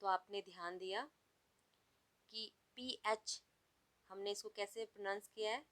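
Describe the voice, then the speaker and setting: A woman's voice: medium pitch, fairly even intonation, a little slow, a bit bright. A woman teaching an English lesson, spelling words out letter by letter and mixing Hindi with English. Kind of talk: slow explanatory class lesson.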